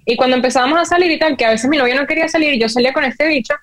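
A young woman with a Venezuelan accent, telling stories in animated casual chat with lots of slang. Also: high voice, racing, dry recording. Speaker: podcast co-host.

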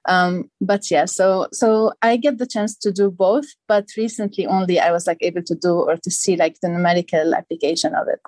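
A woman's voice: lowish voice, steady tone, fairly quick, hardly any pauses, darkish tone, no room sound. A young woman from Lebanon, a guest on an interview podcast, explaining her studies thoughtfully with many fillers. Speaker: guest, PhD candidate. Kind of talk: casual interview.

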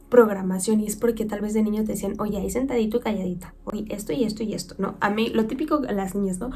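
Young Mexican woman, podcast host, chatty and friendly, mellow tone, faint music bed. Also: mid-range voice. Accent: Mexican Spanish. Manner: chatty, warm-hearted advice with playful quoted voices. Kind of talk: casual self-care podcast monologue.

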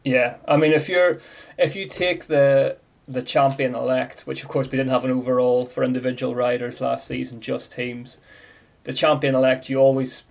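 Male co-host for a relaxed sports discussion podcast; gravelly, with noticeable vocal fry. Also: medium pitch, moderate pace.

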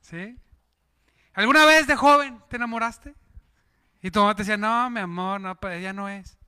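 A man's voice: high voice, moderate pace, smooth. A man preaching a sermon, joking and putting questions to the congregation. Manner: lively, jokes and asks the congregation questions.

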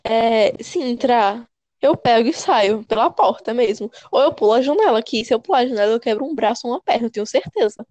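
Animated young Brazilian woman telling scary stories. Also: a little high, brisk, no echo. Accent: Brazilian Portuguese. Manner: animated storyteller, slangy, repeats words. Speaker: podcast co-host.

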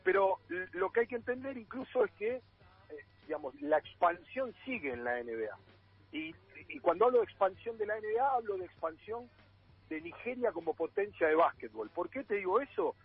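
On a radio sports panel, an Argentine columnist explains his points, his speech full of fillers and restarts in an Argentine Spanish accent. He has a high, sing-song, slightly rough voice and moves at a moderate pace. The sound is muffled, like a phone line.

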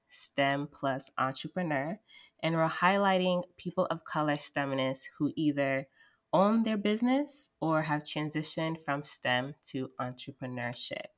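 A young woman presents an interview podcast. Her voice is notably low for a woman. She speaks as an upbeat, encouraging host who introduces topics and guests. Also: a little slow.

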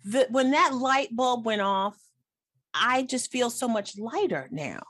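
A woman's voice: on the high side, animated, a little slow, fairly bright tone. Emphatic woman in her late forties. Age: 40s. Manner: emphatic, encouraging, laughs often. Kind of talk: casual chat.

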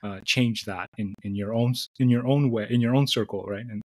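A man's voice: medium pitch, steady tone, fairly quick, a little mellow. A middle-aged man born in the Dominican Republic and raised in New York City, a guest in an interview, talking thoughtfully with many restarts and repeated words. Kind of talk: conversational interview.

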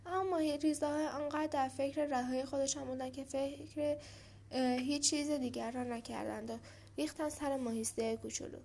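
A woman narrating a children's storybook aloud, steady and expressive, with a few small slips. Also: high-pitched, vocal fry, slight background noise.

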